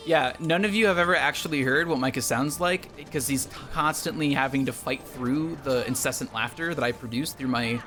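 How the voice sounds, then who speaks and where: A man's voice: medium pitch, normal speed, sharp tone, faint music behind. A man playing a video game and chatting with his co-host, mock-boastful and sarcastic in his jokes. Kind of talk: casual gameplay commentary.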